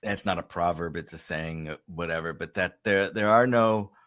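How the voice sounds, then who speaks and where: A man hosting an interview, asking questions in a halting way with many pauses. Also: low-pitched, fairly bright tone. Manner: halting, many fillers and restarts. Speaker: host. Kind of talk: conversational interview.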